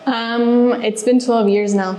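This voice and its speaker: In a relaxed interview, a reservations manager appearing as a guest responds with thoughtful pauses and filler words. Born in Mexico and brought up in Alaska, she learned Spanish first, and her slightly high, mellow voice keeps a fairly even intonation. There's faint ambience and slight noise in the echoey space.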